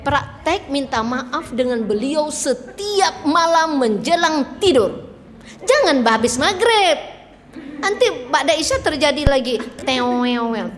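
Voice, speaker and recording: A middle-aged woman preacher gives a lively religious talk, acting out spouses' lines and mixing in English phrases. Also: high-pitched, slow, long reverb tail. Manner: animated, mixes in English phrases, acts out couples' lines.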